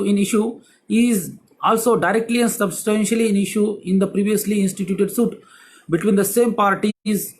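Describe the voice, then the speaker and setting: A man's voice: high voice, poor audio. A man, an advocate, giving a law lecture with emphatic repetition of key words. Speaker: advocate teaching civil procedure.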